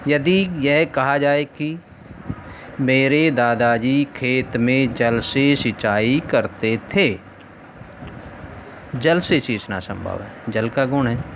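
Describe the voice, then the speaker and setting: A man teaching in a slow, unhurried way, laying out each point carefully and stopping to ask his students questions. His voice sits at an ordinary middle pitch. The recording is dull and lo-fi, with faint traffic in the background. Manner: slow, measured explaining with rhetorical questions. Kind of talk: recorded lesson.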